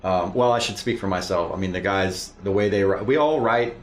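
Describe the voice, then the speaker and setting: Deep-voiced enthusiastic male band guest. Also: brisk, a little hiss or hum. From Florida. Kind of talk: casual radio interview. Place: radio studio.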